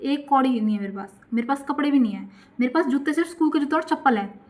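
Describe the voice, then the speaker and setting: A woman's voice: high-pitched, quick pace. A chatty woman from India telling a dramatic storytime about her school days, repeating herself for effect. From Gurugram, India. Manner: animated, repeats questions. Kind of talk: storytime vlog.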